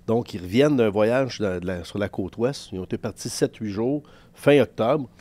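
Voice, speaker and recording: A man's voice: lowish voice, moderate pace, dark tone. A man in his fifties with a Québécois French accent, a sports journalist guest telling career anecdotes with quoted dialogue. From Quebec. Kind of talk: casual podcast interview storytelling.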